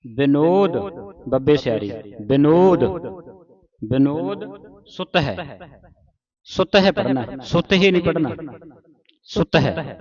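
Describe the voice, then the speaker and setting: A man teaching careful scripture pronunciation, reciting verses slowly syllable by syllable and correcting common mistakes. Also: medium pitch, highs cut off.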